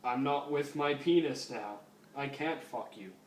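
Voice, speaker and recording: A man voicing a stiff, literal-minded male cyborg cop who talks flatly in broken grammar, recorded at a distance in a roomy space. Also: mid-range voice, a little slow, close to an everyday voice. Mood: deadpan. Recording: roomy, distant mic, faint noise.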